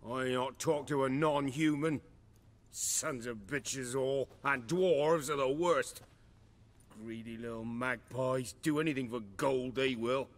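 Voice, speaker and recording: An actor playing a surly young village arsonist in a video game, coarse and scornful, slipping into wheedling. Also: male voice, mid-range voice, slow pace, lightly acted.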